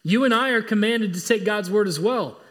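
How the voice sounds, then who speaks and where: High-voiced man preaching earnestly. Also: moderate pace, fairly bright tone. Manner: earnest, emphatic preaching with repetition. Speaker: pastor. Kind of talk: sermon.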